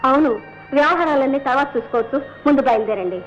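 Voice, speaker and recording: Casting: actress for a pleading, devoted young wife, fast-talking, on a muffled vintage soundtrack. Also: female voice, high-pitched, lightly acted. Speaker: wife and mother. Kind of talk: 1970s Telugu film dialogue. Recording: muffled old film soundtrack with music.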